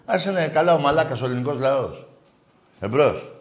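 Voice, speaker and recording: A man hosting a call-in radio show, blunt and crude, going from low grumbling to loud mocking rants. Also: expressive, a little hiss or hum.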